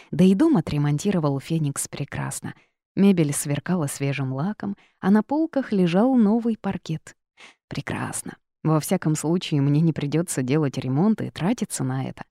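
A woman reading a first-person audiobook with lively, wry storytelling. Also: deep voice, no room sound, studio quality. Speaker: audiobook narrator.

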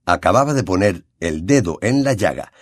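Expressive Latin American Spanish male narrator. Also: sits low, normal speed, no echo, clean studio sound. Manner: expressive storytelling delivery. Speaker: audiobook narrator. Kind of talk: scripted audiobook narration.

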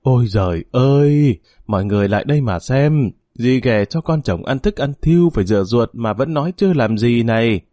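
A man voicing a sharp-tongued, scolding old grandmother. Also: mid-range voice, very animated, normal speed, no room sound, studio quality. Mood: furious scolding. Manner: scolding, cursing.

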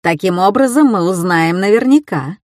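A woman's voice: medium pitch, expressive, normal speed, darkish tone, no echo, studio quality, natural voice. Woman playing a sneering cruel young man. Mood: taunting.

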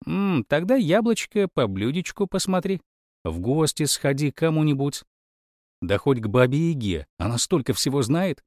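Man playing a calm smart kid, bit ironic, raised voice, dry mic. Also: fairly high pitch, moderate pace, no echo, pitched above the performer's own voice. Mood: reasoning. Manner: polite, reasoning, mildly ironic. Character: calm clever young boy.

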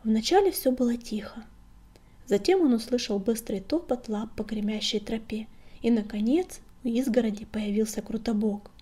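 A woman narrating an audiobook in a soft, hushed whisper. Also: on the high side, moderate pace, breathy edge. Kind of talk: whispered storytelling.

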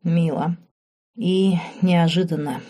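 Woman voicing sardonic male lord, curt, low mellow tone, audiobook. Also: steady tone, takes it slowly. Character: cold powerful grand master, man in his thirties.

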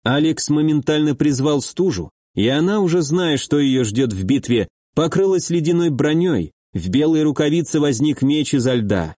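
A man narrating a fantasy audiobook in a steady, measured reading. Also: on the high side, dry recording, studio quality.

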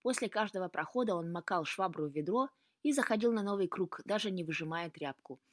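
A woman narrating a story as an audiobook, with an even, storytelling delivery. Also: fairly low pitch, a little fast, no room sound, studio quality.

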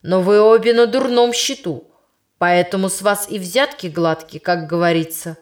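A woman's voice: medium pitch, normal speed, close to an everyday voice. Woman doing an exasperated stern male teacher. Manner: strict, scolding, formal. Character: stern middle-aged male teacher, kind but exasperated.

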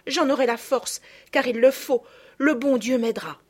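A woman reading a storybook, voicing an eager, brave young girl with a high, urgent manner. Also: normal speed, slightly rough. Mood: pleading.

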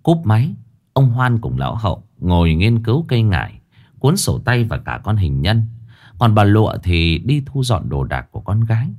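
A man's voice: on the low side, very animated, normal speed, darkish tone. A man narrating a ghost story with dramatic, scripted delivery.

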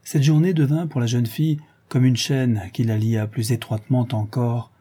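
A man narrating a classic novel as an audiobook, in a measured, even reading. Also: mid-range voice, husky.

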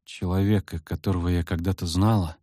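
A man voicing a shaken teenage girl who speaks in a halting, subdued way. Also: low voice, steady tone, mellow, no room sound, clean studio sound, pitched below the performer's own voice.

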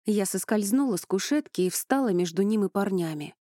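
Mellow-voiced woman narrating an audiobook. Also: medium pitch, lively intonation, fairly quick, dry recording, clean studio sound. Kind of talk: first-person fantasy audiobook narration.

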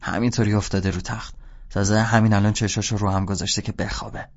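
A man voicing a teenage boy who deepens his voice to sound older, hesitant and overly polite. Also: flat delivery, lightly acted. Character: teenage boy faking a grown-up voice. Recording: dull lo-fi audio.

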